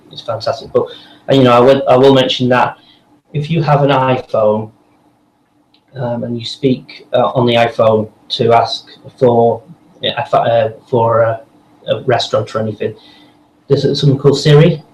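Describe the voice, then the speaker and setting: Man, podcast guest, casual rambling chat, enthusiastic, mid pitch, echoey room. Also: a little hiss or hum. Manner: rambling, enthusiastic, frequent fillers.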